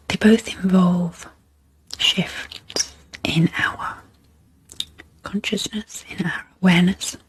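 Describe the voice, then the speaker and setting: With a lowish, breathy, half-whispered voice, a woman hosting as an ASMR psychologist gently leads into guided sleep relaxation, taking her time and pausing often. The recording itself sounds rough.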